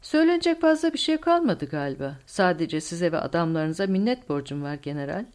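A woman's voice: lowish voice, very animated, fairly quick, darkish tone. A woman voicing a weary older male wartime leader in an audiobook, formal and gracious.

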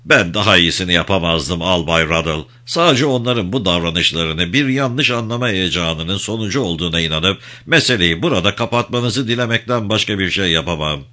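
A man reading an audiobook, voicing a courteous, measured officer. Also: sits low, animated, sharp tone. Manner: polite and measured. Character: smooth courteous male officer.

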